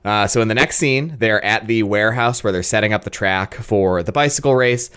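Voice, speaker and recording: A man's voice: lowish voice, fairly quick, a bit bright, clean tone. A man co-hosting a film podcast, recapping scenes in casual chat with dry exasperation. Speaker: podcast co-host.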